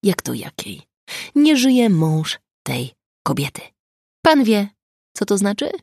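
A woman voicing an arrogant, irritable male prosecutor who scolds in a loud, raised voice, in an audiobook. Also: medium pitch, very animated, slow, gravelly, slightly rough, no echo, clean studio sound, voice pushed up, full character voice. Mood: angry.

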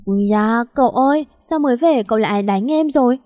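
A woman's voice: on the high side, fairly quick, warm tone, no echo, studio quality, voice pushed up, close to an everyday voice. A woman voicing a naive, weepy young female servant who pleads in a whiny, tearful way. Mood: eager.

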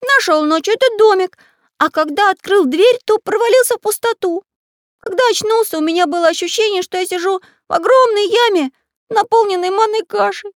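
A woman voicing an excitable living pencil who talks in a squeaky, rapid way. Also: dry recording, studio quality. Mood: excited. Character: cheerful boy-sized living pencil, excitable.

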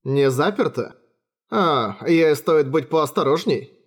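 A man's voice: a little high, animated, takes it slowly. A man voicing a cautious young male adventurer in an audiobook, mildly fretful in tone. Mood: worried.

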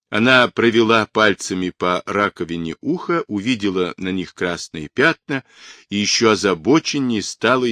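A man narrating a literary novel in a measured, dramatic reading voice. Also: fairly low pitch, no echo, studio quality. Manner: measured, dramatic reading that rises for quoted shouts. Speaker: audiobook narrator.

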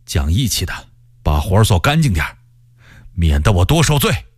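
Man voicing a captured rebel messenger, defiant, sighing, scornful, low voice, dry sound. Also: sing-song, normal speed, no echo. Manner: sighing, scornful, resigned to death.

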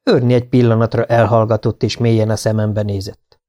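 A man narrating an audiobook in a steady storytelling manner. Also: fairly low pitch. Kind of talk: scripted narration.

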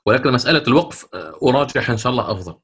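Male tajweed teacher, mid pitch, patient explainer, repeats points, slow chanted recitation. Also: lively intonation, fairly bright tone, slightly rough. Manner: hedging, checks understanding with "tamam?". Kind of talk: online tajweed lesson.

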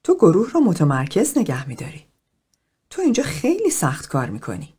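A woman's voice: on the low side, wildly swooping pitch, dark tone, slightly rough, full character voice. A woman voicing a man in a therapy group who speaks earnestly and reassuringly.

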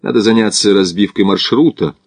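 A man voicing a brash, talkative Australian male climber with a brisk, mocking manner. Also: lowish voice, husky, no echo.

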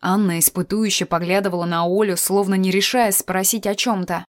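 A woman reading an audiobook in measured scripted narration. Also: mid-range voice, fairly even intonation, no echo, studio quality.

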